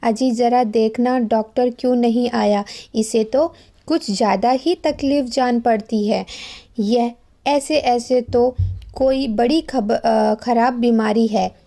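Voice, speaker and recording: A woman's voice: fairly high pitch, steady tone, takes it slowly, gravelly, warm tone. A woman reading the lines of a worried mother fussing over her sick son. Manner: anxious, fussing.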